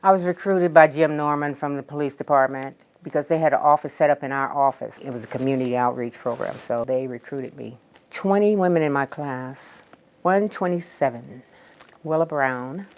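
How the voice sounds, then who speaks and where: Very deep-voiced matter-of-fact older woman. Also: normal speed, a little mellow. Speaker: retired police officer. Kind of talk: documentary interview.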